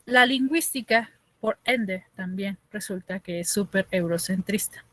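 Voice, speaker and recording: A woman's voice: mid-range voice, a little slow, bright, forceful tone, no room sound. A woman from Mexico City with a chilango accent, teaching an online class in a chatty way, asking her students questions and laughing often.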